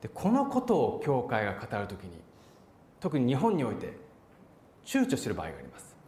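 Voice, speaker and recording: A man preaching a sermon, animated, acting out voices and calling out for emphasis. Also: mid-range voice, normal speed, slight background noise. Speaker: pastor. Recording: echoey hall.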